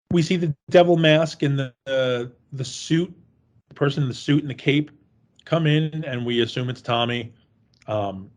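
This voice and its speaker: A man co-hosting a horror film podcast, chatting casually in a rambling, jokey and profane way. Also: medium pitch. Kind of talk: casual chat.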